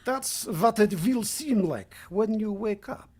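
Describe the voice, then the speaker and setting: Woman as husky, commanding Count Dracula. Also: mid-range voice, lively intonation, a little mellow. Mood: hypnotic, commanding. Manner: theatrical, menacing, measured. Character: commanding seductive undead male vampire count, Dracula. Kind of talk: vintage radio drama acting.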